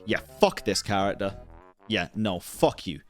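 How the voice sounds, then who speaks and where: This man has a fairly low, animated voice and keeps a measured pace while video game music plays behind him. He's a streamer ranking game quests, giving casual, opinionated live commentary that is blunt, slangy and full of swearing.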